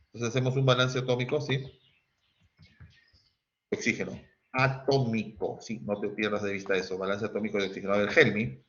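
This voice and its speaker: Un profesor con acento peruano que da una clase de química en línea y pregunta "¿sí?" a cada rato a sus alumnos. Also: male voice, on the low side, flat delivery, fairly quick, long pauses, fairly bright tone. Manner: quizzing students, asking "¿sí?" often, sings snatches. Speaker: teacher. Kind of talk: online chemistry class. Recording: dull lo-fi sound.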